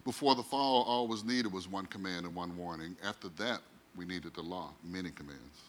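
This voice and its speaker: A pastor preaching a sermon, swinging from loud declarations to hushed, slow, dramatic phrases. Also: male voice, low voice.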